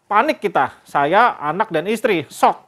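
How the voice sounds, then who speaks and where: Chatty man vlogger, slightly high voice. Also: normal speed. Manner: chatty, addresses viewers as "Kak"; religious greetings and expressions. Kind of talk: casual vlog storytelling.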